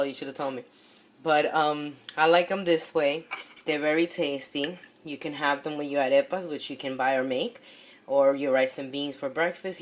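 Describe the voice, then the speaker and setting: A woman giving a casual, chatty cooking demonstration at the stove, encouraging and often repeating short phrases as she works. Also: deep voice. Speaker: home cook hosting a cooking video. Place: home kitchen at the stove. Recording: noisy kitchen with sizzling and pan clatter. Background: sizzling, stirring, clinking pans.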